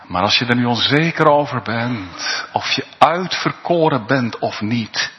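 A male pastor preaching a sermon in a church, slow and earnest, swelling into pleading appeals. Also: mid-range voice, expressive. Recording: long reverb, dull sound in a church.

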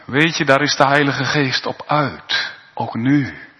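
A man preaching a sermon as pastor, swinging from soft, slow words to loud, urgent pleading. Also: medium pitch, slightly rough. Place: church. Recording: long church reverb.

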